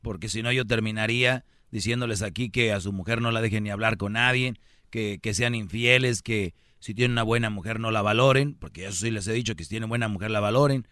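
A man's voice: fairly low pitch, quick pace, fairly bright tone, clear, resonant tone, dry recording, studio quality. A man hosting a radio call-in show, giving blunt, emphatic, opinionated advice.

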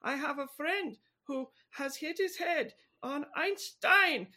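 A high, bright voice of a panicky male cat with a thick put-on German accent, as a woman plays him. He sputters and yells in broken English, mixing in German words. The comedy sketch plays him as flustered and loud. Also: slow, full character voice. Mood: shouting.

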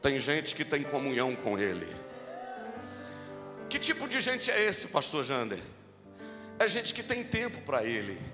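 A pastor preaches a sermon at a church event in Brazil, telling stories and repeating key lines as he builds toward fervent exhortation. His voice is deep and strong with wildly swooping pitch, a little slow, with frequent pauses. It is a live recording in a large church hall, with long reverb and music.

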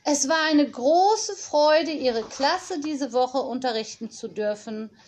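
A woman reads a children's story in a high, light voice. She narrates slowly and calmly, giving each phrase room. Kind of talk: audiobook storytelling.

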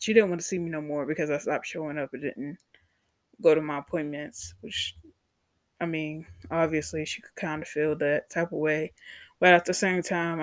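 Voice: mid-range voice, no room sound, studio quality. Podcast host, solo rant: blunt, heavily profane, sarcastic asides to the audience, mid-range voice. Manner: blunt, profane storytelling that acts out past conversations; sarcastic, addresses listeners directly.

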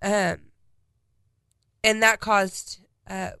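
A woman's voice: medium pitch, little pitch movement, very slow, gravelly, bright, forceful tone, smooth, no echo. A congested woman co-hosting a casual podcast, reading out a timeline of historical dates. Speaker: podcast co-host.

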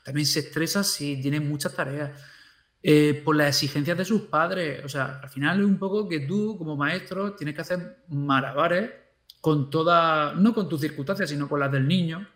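A man who teaches school, talking casually with an animated way of acting out what he says to his pupils. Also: a little high, moderate pace, echoey room. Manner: animated, acts out quoted speech to pupils. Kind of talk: casual conversation.

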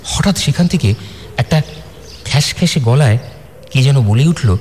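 A man narrating a ghost story in a dramatic, expressive way, acting out the dialogue. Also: moderate pace, a little hiss or hum. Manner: expressive, acts out dialogue with rising pitch. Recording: reverberant with loud background music.

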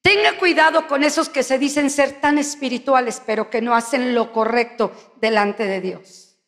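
High-voiced woman pastor preaching. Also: normal speed. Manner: animated, conversational, acts out little scenes. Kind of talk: sermon. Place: church. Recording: echoey church hall.

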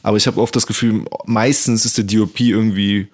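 Slangy man with a lowish voice. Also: level tone, fast, darkish tone. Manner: slangy, loose and talkative. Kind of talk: casual chat.

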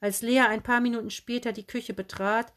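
A woman narrating a children's book in a lively, expressive way. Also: a little high, normal speed. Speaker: audiobook narrator.

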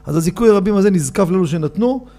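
A male rabbi leads a casual Torah lesson, reading out rulings and turning often to his listeners with questions. His voice sits high and carries a gravelly edge. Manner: animated, asks listeners questions and reads quoted rulings aloud. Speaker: rabbi teaching a Torah class.

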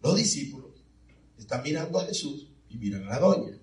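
A man preaching a sermon in a church, animated and calling on the congregation for answers. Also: medium pitch, fairly quick. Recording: echoey hall, mic far off.

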